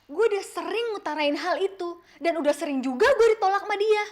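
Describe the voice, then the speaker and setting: A woman's voice: extremely high pitch, animated, fairly quick. An actress playing a frustrated, scheming mother in a TV soap, talking in exasperated colloquial slang. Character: frustrated scheming mother rejected by the man she wants. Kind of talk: Indonesian TV soap drama acting.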